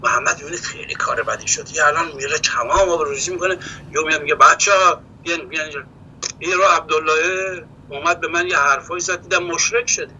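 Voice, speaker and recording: A man's voice: a little high, muffled recording, a little hiss or hum. A man speaking as a studio guest, giving impassioned commentary and acting out quoted dialogue as he tells a story. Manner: animated, acts out quoted dialogue.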